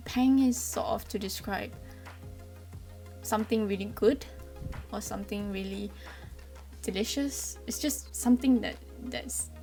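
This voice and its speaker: In her casual explainer vlog, a Malaysian-accented woman in her twenties from Malaysia chats in a friendly way, often saying um. She has a mid-range voice with a slightly dark tone.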